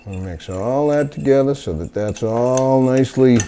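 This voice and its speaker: A man hosting a cooking video, talking through a recipe in his kitchen in a halting, meandering way. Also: mid-range voice, noisy background. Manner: halting, meandering, searches for words. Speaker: cooking show host demonstrating recipes. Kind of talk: unscripted cooking demonstration. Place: home kitchen indoors.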